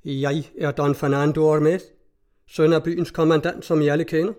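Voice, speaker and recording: A man reading a calm young nobleman. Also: a little high, lightly acted. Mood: firm. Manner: hushed, urgent. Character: young nobleman, calm and commanding under threat.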